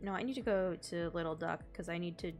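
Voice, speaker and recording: This game streamer is a young woman who talks fast in a fairly low, darkish voice that comes across slightly nasal and congested. She keeps up slangy, casual chatter with her viewers while playing, with faint music in the background.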